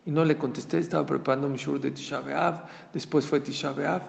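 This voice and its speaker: A man giving a religious talk as a Torah teacher, an animated storyteller who acts out the dialogue. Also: on the high side, fairly quick, creaky. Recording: dull echoey hall recording.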